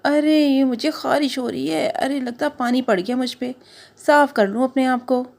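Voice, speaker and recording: A woman voicing a lonely, gentle male onion character in a cartoon, plaintive and childlike. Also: high voice, normal speed, creaky. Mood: cheerful. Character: lonely smelly boy onion, gentle and sad.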